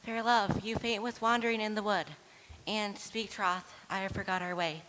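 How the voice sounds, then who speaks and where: A woman's voice: mid-range voice, steady tone, moderate pace, a bit bright, a little hiss or hum, natural voice. A woman playing an ardent young nobleman. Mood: tender. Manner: impassioned verse. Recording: echoey hall.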